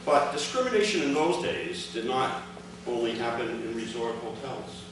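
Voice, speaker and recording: Expressive and mid-range, this man's voice moves at a moderate pace as he reads his father's prepared account at a ceremony. He speaks formally to a gathering in a large indoor room. A distant mic picks him up, giving an echoey, noisy hall sound.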